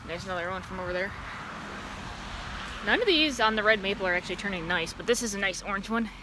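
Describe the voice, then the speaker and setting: A woman chatting casually to camera in a rambling, easily distracted way, outdoors beside a loud street. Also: mid-range voice. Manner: easily distracted, drifting between asides. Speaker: vlogger. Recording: outdoor traffic and ambient noise. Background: passing vehicles and outdoor ambience.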